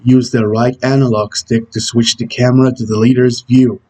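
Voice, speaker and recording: Husky, stern, brooding game antihero played by a man, medium pitch, delivering terse tutorial instructions. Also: flat delivery, moderate pace, darkish tone, lightly acted. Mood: stern, instructional. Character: Shadow, brooding male video game antihero giving tutorial hints. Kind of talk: character impression reading game tutorial instructions.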